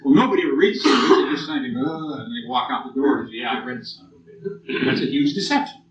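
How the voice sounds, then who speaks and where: A gravelly-voiced American man in his sixties, a military lecturer, talks fast at a medium pitch while telling a lecture hall blunt, profane war stories with animated delivery. The recording is muffled old tape, captured from far off in an echoey room.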